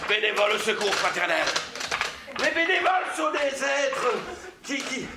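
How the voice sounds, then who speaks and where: Heavily acted and very animated, a very high-pitched male voice at normal speed portrays a rambling charity volunteer in a stage comedy. The character stammers, repeats himself and preaches slogans in insistent chatter, captured in an echoey theatre with background noise.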